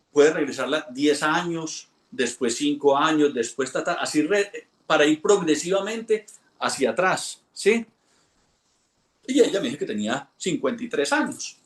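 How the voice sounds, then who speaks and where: A man, an instructor telling a lively anecdote to a class and acting out the voices in it. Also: fairly high pitch, echoey room. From Colombia. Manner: animated storyteller, acts out quoted voices. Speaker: hypnosis instructor.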